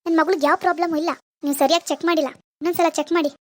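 A proud, wealthy mother in an animated drama, voiced by a woman. She brushes people off with scorn and pushy confidence. Her voice sits very high and the words come quickly. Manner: scornful, dismissive, brash. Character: rich, haughty mother of adult daughter. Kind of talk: Kannada cartoon drama voicing.

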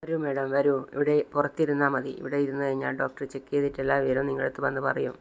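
A man voicing a brisk hospital nurse who firmly ushers visitors out. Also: mid-range voice, monotone, creaky.

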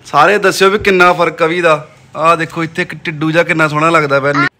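A man's voice: on the high side, fairly even intonation, fast, sharp tone. A young man, casually teasing his wife and nephew while showing their wedding album in a home vlog. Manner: teasing, playful banter. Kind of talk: casual family vlog chat.

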